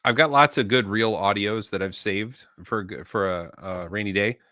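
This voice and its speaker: A man with a lowish voice co-hosts a casual knife talk show. He rambles easily, full of ums and uhs. The sound is dry and close, with no room echo. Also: moderate pace, sharp tone. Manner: rambling, easygoing, many fillers. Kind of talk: casual chat.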